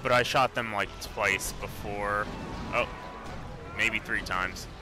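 A man's voice: on the low side, steady tone, slow, over music. A man casually commenting on his own gameplay, rambling and correcting himself as he goes. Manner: rambling, self-correcting, offhand. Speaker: let's play commentator.

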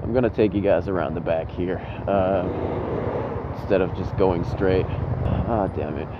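A man vlogs casually from inside a motorcycle helmet while riding through city streets. His voice is on the low side and unhurried, with informal, sweary phrasing. The sound is muffled and dull, with clear engine and traffic noise behind it. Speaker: motovlogger.

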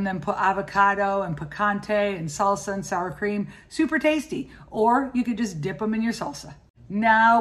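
Chatty middle-aged woman giving shopping tips. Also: mid-range voice. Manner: chatty, enthusiastic, practical tips. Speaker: cooking and grocery vlogger. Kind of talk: casual shopping and cooking walkthrough. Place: indoors at home and in a grocery store.

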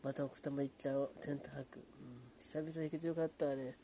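A man keeps his voice hushed while he chats late at night from a small apartment room. His tone is mellow and unhurried, and he drifts easily from greeting viewers to relaxed chatter. A faint hiss sits under the voice. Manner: hushed, low-volume talk; relaxed, rambling, fond of fillers like うん. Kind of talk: casual late-night chat.

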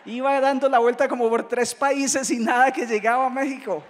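High-voiced Colombian priest preaching in a reverberant hall. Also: male voice, moderate pace. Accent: Colombian Spanish. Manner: lively storytelling preacher who mimics voices and jokes. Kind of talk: retreat sermon.

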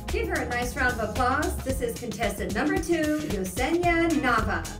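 A woman's voice: high-pitched, expressive, normal speed. A woman emceeing a pageant on stage, announcing contestants in a bubbly, sing-song manner. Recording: roomy PA from far off. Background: music and crowd.

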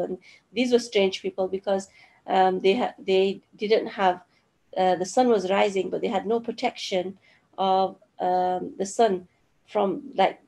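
A middle-aged woman leads a religious lesson over a video call. Her voice is gravelly and mellow, and she explains slowly, stopping and restarting often. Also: medium pitch. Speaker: Quran teacher.

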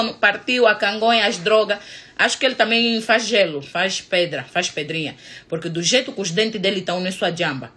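A woman's voice: lowish voice, fairly bright tone, slight background noise. Angry Angolan woman ranting. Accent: Angolan Portuguese. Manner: combative, mocking, repeats herself. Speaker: vlogger. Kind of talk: angry profane rant to camera. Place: United States.

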